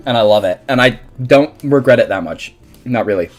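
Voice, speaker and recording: A man on a casual voice call, talking with a slight lisp while eating. His pitch swings widely and expressively. He sounds lively and easygoing, like a stream co-host. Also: a little fast, soft background music. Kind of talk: casual chat.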